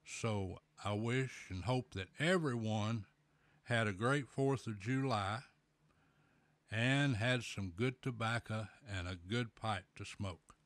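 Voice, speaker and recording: Slow folksy man talking around a pipe. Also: on the low side, a bit bright, dry recording. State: pipe in mouth. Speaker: podcast host. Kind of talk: casual solo talk.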